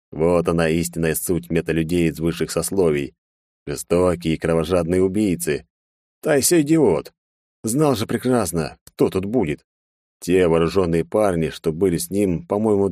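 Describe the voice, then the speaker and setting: A man's voice: sits low, warm tone, dry recording, studio quality. A man narrating a first-person action story with a sardonic, terse inner voice. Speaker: audiobook narrator.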